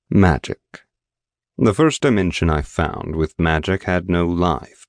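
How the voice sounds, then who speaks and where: Narrating an audiobook from a first-person perspective, this very low-voiced man speaks deliberately and evenly at an unhurried pace. There's no echo and no sense of a room, just a dry, dead studio capture recorded up close.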